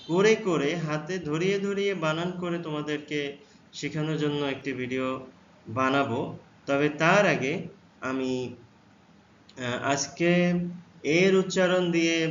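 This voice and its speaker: A high-voiced man gives a phonics lesson at a slow, patient pace and spells every word out letter by letter. The sound is echoey and a bit dull, with faint noise behind him. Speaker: teacher. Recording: echoey, dull low-fi room recording.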